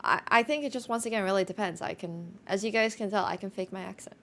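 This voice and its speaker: A young woman live-streams from Finland, chatting casually with her viewers in a mid-range, fairly bright, slightly nasal voice with a light American accent, though Mandarin is her first language. She's chatty, tossing off quick asides and laughing often, and there's a little hiss or hum in the audio.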